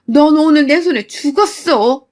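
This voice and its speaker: A woman voicing a furious, fiercely protective middle-aged mother who scolds and shouts threats. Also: high voice, measured pace, pitched above the performer's own voice.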